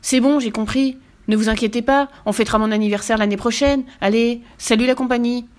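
A hot-headed young wolf, put on by a woman reading a children's story, bursts out in high, loud lines. He sulks and shouts rather than talks, a quick-tempered storybook hero. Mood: excited. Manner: loud, excitable, sulky outbursts. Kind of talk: storybook voice acting.

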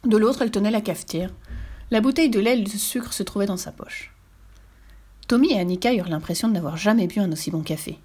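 A woman reading a children's story aloud with gentle, expressive narration. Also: mid-range voice, fast talker, slightly rough.

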